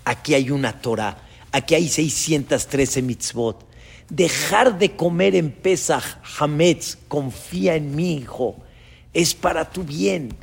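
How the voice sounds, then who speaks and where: A man, a rabbi preaching a sermon with dramatic storytelling and sudden loud rises. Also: fairly high pitch, lively intonation, slow pace, gravelly, husky.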